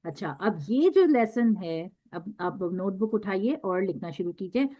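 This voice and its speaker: A woman's voice: medium pitch, lively intonation, unhurried. A woman teaching a recitation class, patiently drawing out syllables one by one for her students to repeat. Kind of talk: classroom instruction. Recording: dull lo-fi recording.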